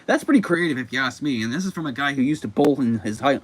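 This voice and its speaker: A man's voice: medium pitch, expressive, fast talker, slight background noise. Rambling man reviewing comics. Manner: rambling, with frequent fillers and self-corrections. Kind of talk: casual commentary.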